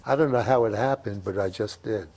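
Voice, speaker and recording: This is a WWII veteran in his 80s being interviewed at home in the living room via lapel mic, spinning rambling anecdotes full of repeated phrases and recalled dialogue. He speaks fairly quickly in a fairly low, slightly mellow voice.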